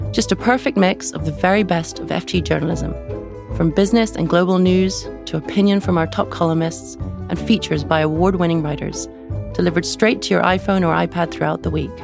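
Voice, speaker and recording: Gravelly woman presenting over music. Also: lowish voice. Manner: upbeat, persuasive delivery. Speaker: deputy editor presenting the episode. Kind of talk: scripted promo introduction.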